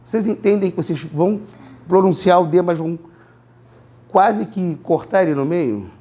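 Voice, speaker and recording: High-voiced man teaching a class. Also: expressive, dark tone. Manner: explains slowly, repeats words, asks students to repeat. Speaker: Spanish teacher. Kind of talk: classroom lecture.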